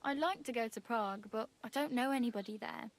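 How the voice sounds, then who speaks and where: A woman's voice: fairly high pitch, fairly quick, close to an everyday voice. An actress playing a cheerful, chatty young female wanderer in a game. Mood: friendly. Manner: friendly, chatty, laughs easily.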